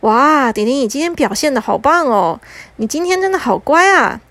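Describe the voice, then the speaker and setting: A woman doing a brisk coaxing mother. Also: high-pitched, expressive, a bit bright, no room sound. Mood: praising. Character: cheerful, patient mother.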